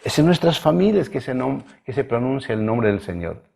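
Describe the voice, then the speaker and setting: A male pastor from Bolivia preaching a sermon in a measured, emphatic way, drawing out key words. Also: mid-range voice, sing-song, creaky, darkish tone. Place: church livestream.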